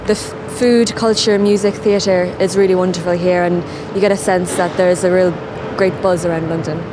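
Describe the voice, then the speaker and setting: A woman answering a street interview in a relaxed, conversational way. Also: lowish voice, moderate pace. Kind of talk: vox-pop interview. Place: outdoors on a city street. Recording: outdoor traffic noise. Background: traffic and cars.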